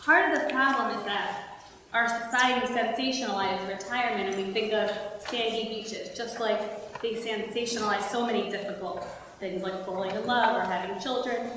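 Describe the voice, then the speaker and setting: A woman giving a calm, steady talk to an audience as a guest speaker. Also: mid-range voice. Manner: calm, steady, tells a story. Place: large hall with an audience. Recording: echoey hall, mic from far off, noisy.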